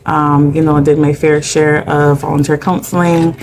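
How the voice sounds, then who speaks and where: A woman's voice: low voice, little pitch movement, moderate pace, noisy background. A middle-aged woman with a Barbadian accent speaking candidly in an interview, with many fillers. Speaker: mental health advocate guest. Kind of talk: conversational interview.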